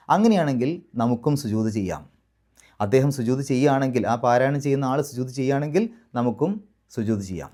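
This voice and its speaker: A man teaching Quran recitation rules, patiently slowing down to model each word. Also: medium pitch, a little mellow. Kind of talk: explaining recitation rules in a class.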